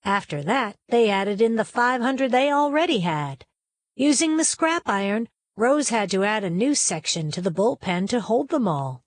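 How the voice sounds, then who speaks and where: Narrating a children's story, this woman uses a folksy, expressive storytelling style full of dramatic emphasis. She speaks at a normal pace in a slightly high voice, with no room sound.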